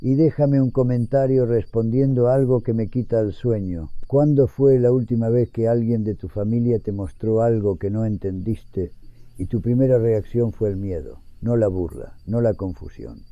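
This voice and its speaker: An elderly man around a hundred years old narrates a scripted, reflective story in a solemn, measured manner. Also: medium pitch, dark tone, dry recording, highs cut off. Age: 100. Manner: solemn, measured, literary phrasing.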